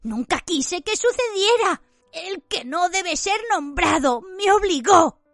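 A woman's voice: extremely high pitch, expressive, slow pace, a bit bright, no echo, studio quality, pitched above the performer's own voice, exaggerated voice. A woman voicing a terrified, cowering middle-aged man who begs in a whimpering, breathless voice. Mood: pleading.

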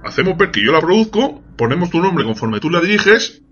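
A man's voice: a little high, very animated, brisk, a bit bright, a little hiss or hum. A man, joking around in playful, casual banter. The recording sounds slightly dull and lo-fi.

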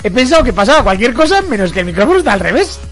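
A man's voice: very high voice, sing-song, very fast, fairly bright tone, faint music behind. A man chatting casually, laughing often and poking fun at himself. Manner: laughs often, self-mocking. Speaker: podcast co-host. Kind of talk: casual chat among friends.

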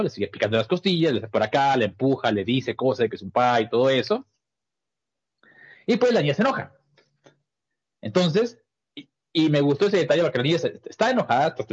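Man, casual recap host, lively husky voice, lo-fi sound. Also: fairly high pitch. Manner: animated storyteller, lots of fillers and restarts. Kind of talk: casual anime recap chat. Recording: dull lo-fi sound.

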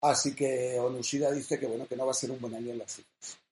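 A man's voice: medium pitch, little pitch movement, quick pace, a little mellow, roomy sound, a little hiss or hum. A man co-hosting a casual chat show, reading news items in a conversational way. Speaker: co-host. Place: small room at home.

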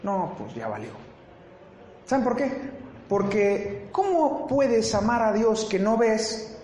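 A pastor preaching to his congregation in a fairly high voice. He keeps it conversational, asking the room questions and tossing in joking asides. The sound is roomy, with faint background noise from the church. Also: sing-song, takes it slowly, darkish tone. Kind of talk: sermon.

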